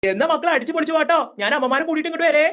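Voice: high voice, rapid-fire, noisy background, close to an everyday voice. A voice actor playing a cheerful, fatherly auto-rickshaw driver in a cartoon. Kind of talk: cartoon voice acting.

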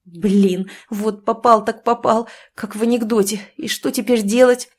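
A woman's voice: on the high side, steady tone, unhurried, darkish tone. A woman reading an audiobook, voicing an exasperated man caught cheating. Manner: exasperated, sometimes hissing. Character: cheating husband, frustrated and flustered man.

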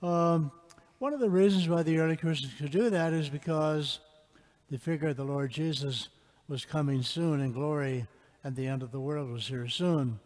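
Man, priest, slightly high voice, chatty homily with ums, long church reverb. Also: darkish tone. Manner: conversational preaching with frequent fillers. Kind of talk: chanting the acclamation and preaching a homily. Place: large church.

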